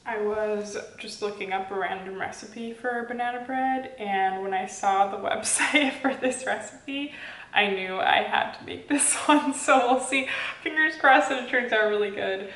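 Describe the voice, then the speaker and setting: A woman talking casually in a book vlog, chatty and quick to laugh, often saying "like". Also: mid-range voice, a bit bright, far from the mic, slight background noise. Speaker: book vlogger. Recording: roomy, from a little off-mic.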